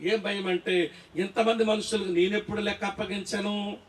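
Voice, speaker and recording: High-voiced preacher in an echoey hall. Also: male voice, level tone, normal speed, distant mic, a little hiss or hum. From Andhra Pradesh, India. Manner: rhetorical questions, checks the audience is following. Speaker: Bible teacher preaching. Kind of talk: sermon at a pastors' conference. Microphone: distant from the mic.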